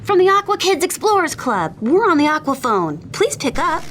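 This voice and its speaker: An eager little boy from a kids' explorer club, voiced by a woman. His high voice bounces up and down. Loud noise runs behind him. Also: sing-song, moderate pace. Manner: eager, wide-eyed questions.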